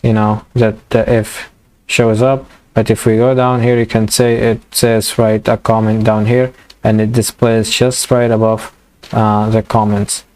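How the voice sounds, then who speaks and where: A young man walking through a coding tutorial in a halting way, full of fillers and restarts, as his voice gives out. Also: on the low side, little pitch movement, a little mellow. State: losing his voice. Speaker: programming tutor. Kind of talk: screen-recorded coding tutorial.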